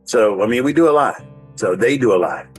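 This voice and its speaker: A man's voice: mid-range voice, animated, brisk, faint music behind, low-quality recording. A man, a veteran ambassador, explaining his group's work in an interview, often stopping and repeating words. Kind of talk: interview answers.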